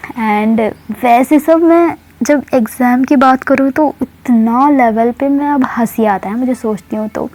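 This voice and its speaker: A woman tells a story in a loose, chatty way, drifting off into asides and slipping in English words. Her voice is fairly high but warm and mellow. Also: measured pace. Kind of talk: casual story narration.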